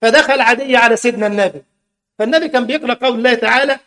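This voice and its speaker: A man's voice: very high-pitched, racing, a bit bright. A man with an Egyptian Arabic accent preaching a sermon, impassioned, full of rhetorical questions and mocking asides.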